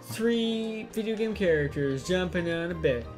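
A man's voice: high-pitched, animated, a little slow, darkish tone, soft background music. A young man chatting casually and sarcastically as co-host of a gaming session. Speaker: let's play co-host.

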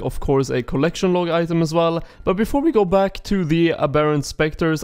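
Male gamer narrating his gameplay in a chatty way. Smooth, clear voice, a bit high, with faint music behind. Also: a little mellow, dry recording. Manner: chatty, explains as he plays. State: morning voice. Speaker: gaming YouTuber. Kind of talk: casual game commentary.

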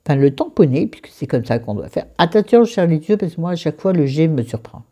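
A woman with a low, mellow voice runs through her skincare routine from her bedroom, her pitch swinging up and down as she talks. She rambles cheerfully, pokes fun at herself and throws in crude asides. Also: big pitch swings, quick pace, breathy edge. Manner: chatty, rambling, self-mocking, with crude asides. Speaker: beauty vlogger. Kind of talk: casual skincare vlog. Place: bedroom at home.

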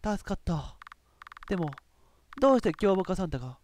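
A woman voicing a timid, earnest young game heroine, reading her lines in a soft, hushed imitation of a male partner. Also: fairly low pitch, big pitch swings, moderate pace, pitched below the performer's own voice. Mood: worried.

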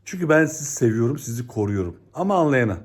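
A man giving a scolding, exasperated monologue as a stock market commentator, swinging between loud outbursts and low, stern warnings. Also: very animated, quick pace. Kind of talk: ranting video monologue.

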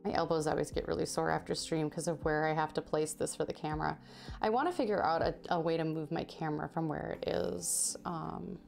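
Her voice sits low, a little mellow, with vocal fry. She's a woman in her thirties streaming cross-stitch from an indoor craft room at home, chatty and quick to laugh as she reads chat messages and replies, her throat a bit sore.

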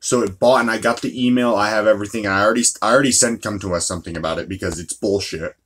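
A man's voice: on the low side, very fast, a bit bright, breathy edge. A man giving casual, profanity-laced commentary while playing a mobile game, ranting about his luck. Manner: chatty, swears freely, ranting.

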